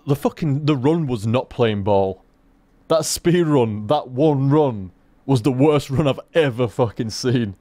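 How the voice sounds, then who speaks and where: A man rambling through casual gameplay commentary, swearing freely and talking in an animated way. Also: medium pitch, no echo. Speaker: gaming commentator.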